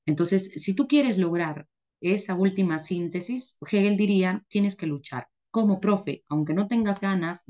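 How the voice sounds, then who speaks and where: Emphatic woman teacher, mellow tone. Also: medium pitch, lo-fi sound. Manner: emphatic, repetitive, asks herself rhetorical questions. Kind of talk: motivational lecture.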